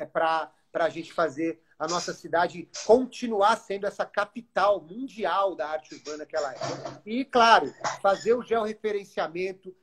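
Man, Brazilian accent, high voice, earnest, hesitant fillers, live interview on a video call. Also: slight background noise. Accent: Brazilian Portuguese. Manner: earnest, many restarts and fillers. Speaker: city culture official.

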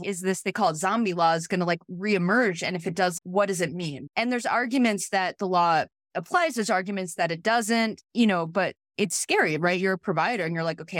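A woman on a podcast, a legal expert guest explaining laws in a relaxed, conversational way. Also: medium pitch, no echo, studio quality.

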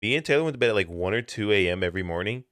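A young man co-hosting a casual podcast chat, loose and profane, often laughing and mimicking yells. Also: on the low side, expressive, rapid-fire, no echo, clean studio sound. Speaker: podcast co-host.

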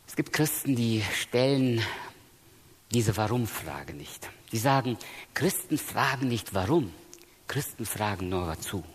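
A man preaching a sermon in a church, reading scripture and swinging between hushed, quiet passages and raised, emphatic ones. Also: medium pitch, animated, measured pace, husky, in a large hall.

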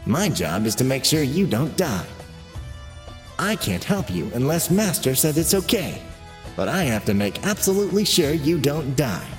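Man doing a small chatty robot, cheerful, naive, lively up-and-down voice, faint music behind. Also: a little high, normal speed, pitched above the performer's own voice. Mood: cheerful, innocent. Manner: chatty, guileless, catches himself mid-sentence. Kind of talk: storybook narration with voiced characters.

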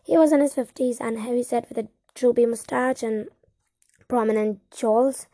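A woman reading a first-person novel aloud in a calm, even storytelling manner. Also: fairly high pitch, normal speed, no room sound. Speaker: audiobook narrator. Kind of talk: first-person audiobook narration.

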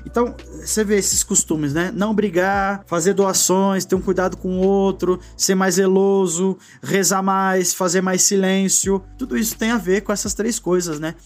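This talk-show co-host, a man in his forties with a Brazilian Portuguese accent, recalls a childhood memory conversationally and reflectively, often with a questioning "né" before trailing off. His high-pitched voice is fairly even in intonation, at a moderate pace with few pauses, over soft background music.

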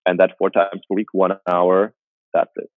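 Low-voiced man on a tinny line. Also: monotone, dry recording. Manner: halting, restarts phrases. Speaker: strength coach and personal trainer. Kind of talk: interview answers. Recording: tinny phone-like call line.

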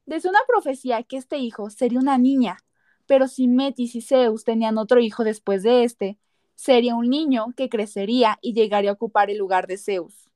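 A woman's voice: a little high, fairly quick, a little mellow, no echo, studio quality. A woman narrating a scripted story dramatically as a podcast narrator.

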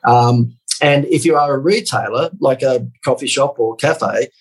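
A man's voice: mid-range voice, unhurried, breathy edge, low-quality recording. An Australian man in his fifties, a marketing guest in a casual podcast interview, joking and salesy with a dry sarcastic streak.

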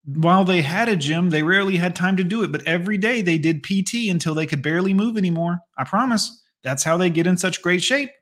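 Guy ranting crude and blunt, kinda high voice, mocking everyone. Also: fast, few pauses, fairly bright tone. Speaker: commentator reacting to a radio clip. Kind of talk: profane reaction commentary.

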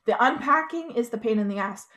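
A woman's voice: fairly high pitch, lively intonation, brisk, a bit bright. A young woman co-hosting a casual podcast, chatty and laughing, swearing now and then. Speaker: podcast co-host.

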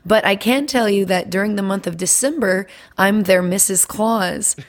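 A woman chatting as a podcast guest, bubbly and quick to laugh. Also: medium pitch. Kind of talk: casual podcast chat.

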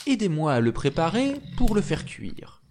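Storybook giantess, scolding and shrill, a man puts her on. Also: very animated, moderate pace, music in the background. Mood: brisk. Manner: sharp, raised, scolding. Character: bossy quick-tongued giant's wife.

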